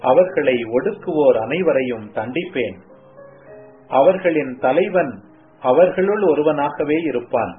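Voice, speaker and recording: Divine male voice of the Lord, read by a man, solemn and very slow, tinny sound. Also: a little high, animated. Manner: slow solemn scripture reading. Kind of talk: devotional scripture reading. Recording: tinny phone-like sound, faint music.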